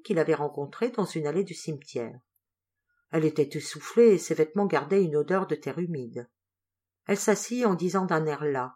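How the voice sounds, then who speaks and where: A woman reading a novel aloud as an audiobook, calm and measured with light expression. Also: sits low, slightly rough. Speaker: audiobook reader. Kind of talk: literary audiobook narration.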